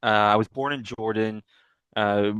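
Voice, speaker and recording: A man's voice: fairly low pitch, steady tone, measured pace, a bit bright, smooth, no room sound, lo-fi sound. A young man who grew up in Hong Kong, a rugby player talking at length as a podcast guest, often restarting his sentences. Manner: expansive, talks at length with self-corrections. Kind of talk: casual podcast chat.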